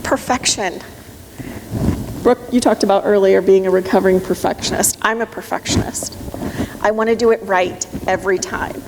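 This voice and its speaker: A woman's voice: medium pitch, steady tone, moderate pace, creaky. A middle-aged woman giving a live motivational talk to an audience, emphatic, direct and coaching. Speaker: motivational speaker. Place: conference room with audience. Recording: long hall reverb, faint noise.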